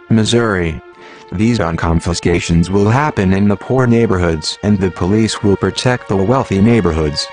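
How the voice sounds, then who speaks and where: An anonymous announcer in a disguised, low, computer-generated male voice, reading a scripted manifesto in an even, mechanical way.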